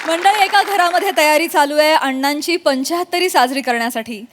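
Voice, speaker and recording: A woman's voice: very high-pitched, pushed and bright. A woman hosting a comedy show with an upbeat scripted introduction. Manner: upbeat, announcing. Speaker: show host.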